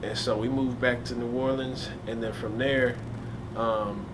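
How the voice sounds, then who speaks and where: A man's voice: mid-range voice, steady tone, measured pace. A young man, a hip hop artist, telling stories about his life in a casual, slangy, laid-back way during an interview. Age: young adult. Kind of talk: casual storytelling. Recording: noisy ambience.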